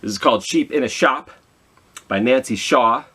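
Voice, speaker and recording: This children's library storytime host has a medium-pitched, husky voice that sounds pushed and bright, and he reads at normal speed. Between passages he chats, talks to himself, and asks his listeners questions.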